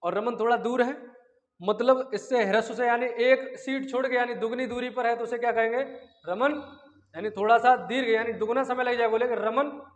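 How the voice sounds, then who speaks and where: A man's voice: very high-pitched, steady tone. A male teacher giving an exam-prep grammar lecture, who asks and answers his own questions and stretches out vowels as examples. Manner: drawn-out vowels and chanted syllables as examples. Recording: dull lo-fi audio in a long-echo room.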